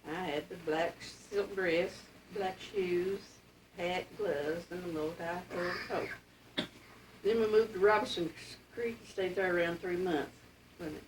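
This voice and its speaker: An aged woman from Appalachia, low-voiced and unhurried, chats casually about her family's history in simple country speech as an interviewee. Background noise is obvious, since the mic sits some distance away in her home.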